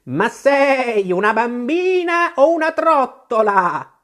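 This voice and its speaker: A reader voicing a grumpy old female sheep who scolds slowly while she knits, in a storybook reading. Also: expressive, fairly bright tone, exaggerated voice. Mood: scolding. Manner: slow, high and scolding.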